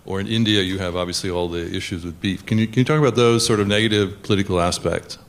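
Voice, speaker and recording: Low-voiced man asking from the audience. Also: fast talker. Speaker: audience member asking a question. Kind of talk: audience question.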